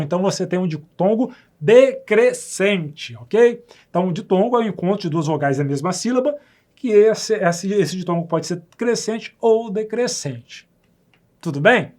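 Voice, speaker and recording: Brazilian male teacher, slightly raised pitch, patient and repetitive recorded lesson delivery. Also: a little mellow. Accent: Brazilian Portuguese. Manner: patient, repeats words slowly and checks with the viewer.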